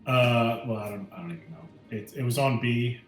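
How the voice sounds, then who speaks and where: One more tabletop gamer, medium-pitched, animated and a little fast, casually talks as his character while hesitantly thinking out loud. The audio has a roomy echo with music underneath.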